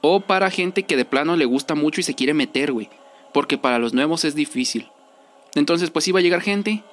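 A young Mexican man with a slightly high voice talks casually about a game. His speech is slangy and rambling, with repeated phrases for emphasis. Game music plays faintly behind him. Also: expressive, fairly quick. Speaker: gaming video creator. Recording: music under the voice.

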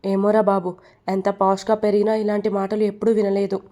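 A sheltered young man, hesitant and uneasy, who frets out loud to a friend, voiced by a woman in an audio story. The voice sits in a middle register. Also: medium pitch, level tone, a little fast, lightly acted.

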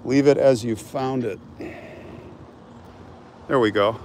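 Taking it slowly in a mid-range voice, an older American vlog host chats with his live-stream viewers while walking a large open cemetery, moving from remark to remark. The phone is held at arm's length, and city noise comes through outdoors.

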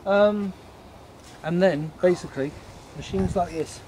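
A man leading a ghost tour, explaining things informally to a group in a halting, matter-of-fact way. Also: sits high, mellow. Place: on a night walking tour, in the dark. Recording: noisy outdoor night recording.

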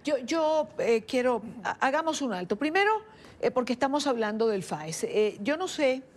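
A woman's voice: sits high, expressive, normal speed. A woman interviewing a guest on a television news program, speaking hesitantly with many fillers and restarts.

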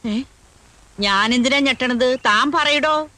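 Old grandmother landlady, shrill, high voice, bright, bossy, quick-tempered. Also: no echo, full character voice. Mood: indignant. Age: older. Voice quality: shrill, scolding. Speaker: grandmother of the house. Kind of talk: 1980s film acting.

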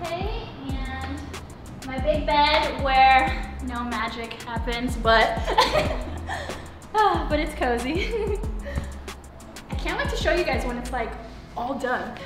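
A woman's voice: high-pitched, very animated, takes it slowly, pauses often. A young woman giving a casual, chatty vlog tour of her home, sing-song and full of "like"s. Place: large empty apartment. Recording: very echoey empty rooms with music. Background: music from house speakers.

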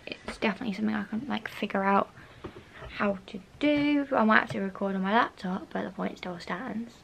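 A woman's voice: medium pitch, fairly quick, vocal fry, fairly bright tone, slight background noise. Young woman vlogging, rambling and repetitive. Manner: rambling, repeats herself, drops to a whisper at times. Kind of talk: casual vlog chat. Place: bedroom at home, indoors. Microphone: handheld camera close to face.

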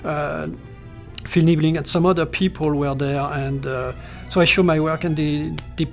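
A man's voice: on the high side, steady tone, moderate pace, gravelly, faint music behind. A middle-aged man from France with a French accent, talking hesitantly in a seated interview, with many fillers and restarts. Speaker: character designer. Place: indoor studio room.

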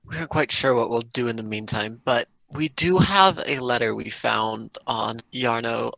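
A man's voice: medium pitch, normal speed, vocal fry, sharp tone, no room sound, rough recording. A man taking part in a tabletop game, talking casually as a player in role-play.

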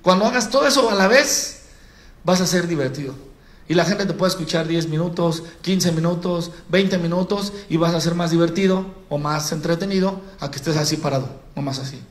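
Mexican male sales trainer, high voice, colloquial and demonstrative, live in an echoey event hall. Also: brisk. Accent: Mexican Spanish. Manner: colloquial, addresses audience as compadre, demonstrates by acting out. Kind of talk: live public-speaking training.

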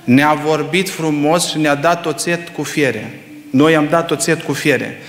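A man preaching a sermon, swinging between loud rising exclamations and hushed low asides, firing rhetorical questions at the congregation. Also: fairly even intonation. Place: church hall. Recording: echoey reverberant church hall.

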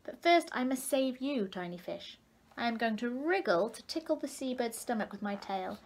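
Brave little male fish, steady and reassuring, in a storybook reading, as a woman puts him on, pitched a touch high. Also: normal speed. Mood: determined.

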